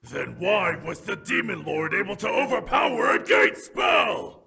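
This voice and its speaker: A woman doing a gruff, raspy, shouting brute demon. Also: lowish voice, sing-song, unhurried, pitched below the performer's own voice, heavily acted. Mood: frustrated.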